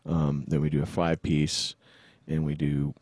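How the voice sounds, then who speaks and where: A man's voice: a bass voice, little pitch movement, moderate pace, darkish tone, breathy edge, no echo. A man in his fifties, a musician and band leader, talking in an easygoing, plainspoken way in casual podcast chat. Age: 50s.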